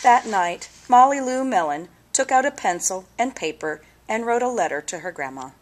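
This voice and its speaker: A woman reading a children's story aloud with deliberate, expressive phrasing and dramatic pauses. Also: fairly high pitch. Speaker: storybook reader.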